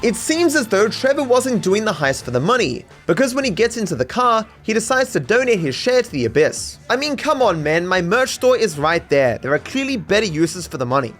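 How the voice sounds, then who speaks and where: An Australian man reads a scripted comedic video essay in a high voice. His delivery is mock-serious and sarcastic, with very animated intonation. Faint music plays underneath. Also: a little fast, few pauses. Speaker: video creator and narrator.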